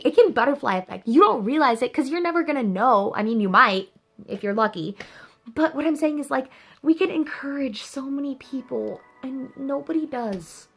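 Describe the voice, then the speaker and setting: A young woman giving an earnest, animated, chatty motivational talk to camera, laughing now and then. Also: high-pitched, vocal fry. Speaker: vlogger.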